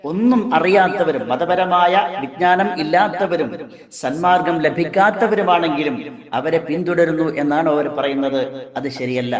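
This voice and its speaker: A man with a Kerala Malayalam accent teaching Quran recitation, explaining sounds slowly and chanting verses in a drawn-out melody. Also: fairly high pitch, reverberant, lo-fi sound. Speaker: Islamic teacher.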